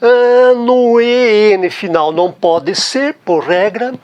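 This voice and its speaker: Slow, patient Brazilian man teaching. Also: high-pitched, clear, resonant tone, muffled recording. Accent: Brazilian Portuguese. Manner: patient, repeats key words, checks in with tag questions. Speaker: German teacher. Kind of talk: explanatory language lesson.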